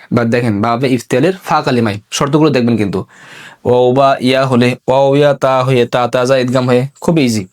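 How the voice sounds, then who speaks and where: A male teacher giving an online grammar lesson, asking questions and answering them himself, repeating example words slowly. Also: mid-range voice. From Bangladesh.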